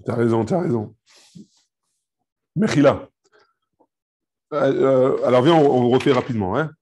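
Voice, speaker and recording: A man's voice: medium pitch, measured pace, a little mellow, a little hiss or hum. A rabbi teaching a live Talmud class, explaining step by step, mixing in Hebrew and Aramaic terms and checking with his students.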